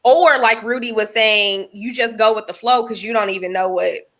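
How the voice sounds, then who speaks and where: A woman's voice: fairly high pitch, moderate pace, fairly bright tone. A woman in her thirties co-hosting a podcast, talking through her points with examples in a casual chat. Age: 30s. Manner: thoughtful, talks through examples. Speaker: podcast co-host.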